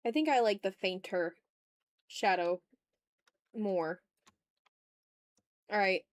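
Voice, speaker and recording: In a dry recording, a woman streamer talks slowly in a mid-range voice while she draws. It's casual livestream chat, informal and self-critical, aimed partly at herself and partly at her audience.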